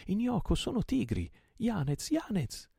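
A fierce, proud pirate chief who barks orders in a rough, gravelly voice, as a male reader puts him on. His bold commands rise high and loud over a dark, dry, low tone. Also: very animated, normal speed, no echo, heavily acted. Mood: jubilant shouting.

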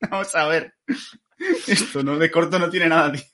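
Bright, higher-voiced sweary Spanish podcaster. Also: male voice, normal speed. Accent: Spain Spanish. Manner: blunt, sweary. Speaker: podcast panelist. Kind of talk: casual banter.

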